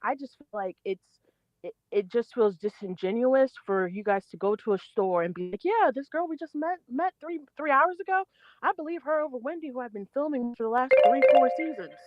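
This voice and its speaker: A woman's voice: high-pitched, animated, brisk, soft background music. A woman calling in from work by phone, rambling with lots of fillers, then getting blunt. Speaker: caller. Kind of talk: call-in opinion. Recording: dull dry phone audio.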